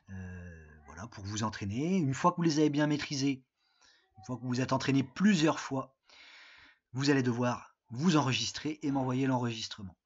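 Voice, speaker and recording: A man's voice: medium pitch, husky. A man from France, an English teacher, recording a remote lesson and walking his students patiently through each step, with many fillers. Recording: dull lo-fi sound.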